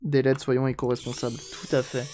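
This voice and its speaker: A man's voice: mid-range voice, flat delivery, quick pace, a little mellow, a little hiss or hum. A man chatting casually on a live stream while repairing a handheld console, joking and answering chat aloud.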